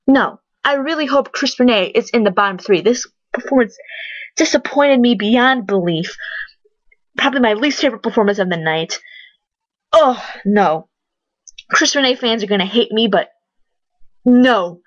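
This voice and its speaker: A woman's voice: a little high, animated, fairly quick, no echo, dull audio. A woman giving a casual, opinionated spoken review, blunt and chatty, with lots of fillers and restarts. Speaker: vlogger reviewing a TV talent show.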